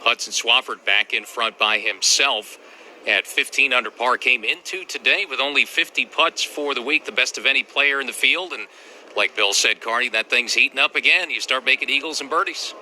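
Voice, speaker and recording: A man's voice: mid-range voice, moderate pace, pushed and bright, slight background noise. A man anchoring live golf commentary, handing over between holes and summing up the play.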